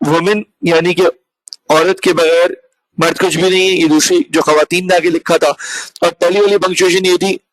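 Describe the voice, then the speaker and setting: A man leads an online revision lecture, talking to his students as friends and mixing English terms into his explanations. His voice sits fairly high, and the recording is dry and close with no room sound. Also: level tone, moderate pace, fairly bright tone, dry recording, poor audio. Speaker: teacher.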